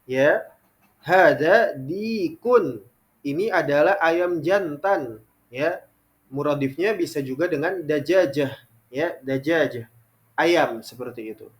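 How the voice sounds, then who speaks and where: A man teaching an online Arabic lesson, reading example sentences slowly and often adding "ya" between phrases. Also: a little high. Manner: frequent filler "ya" between phrases.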